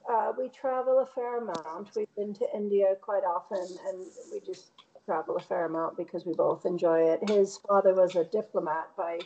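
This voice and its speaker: A woman's voice: medium pitch, mellow, highs cut off. A middle-aged woman from Connecticut with a New England American accent, chatting reflectively in a casual interview. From Connecticut, United States. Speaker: painter interviewed as guest.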